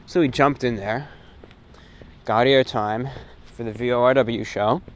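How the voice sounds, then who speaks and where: He hosts his own radio and online show and here records an unhurried, reflective ramble in short phrases while walking outside. His voice is medium-pitched, and clear ambient noise can be heard behind it.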